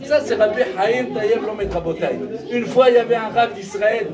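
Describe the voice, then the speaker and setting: High-pitched guy w/ telling tales at a gathering, mic far off, crowd noise. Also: brisk. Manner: animated storyteller acting out dialogue. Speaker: rabbi giving a talk. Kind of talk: storytelling sermon at a memorial gathering. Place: gathering hall with audience.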